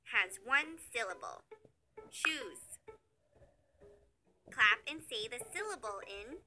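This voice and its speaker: A woman narrating a children's lesson in a slow, cheery sing-song voice, praising between words, over background music. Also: high-pitched, sharp tone. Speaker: children's learning app narrator.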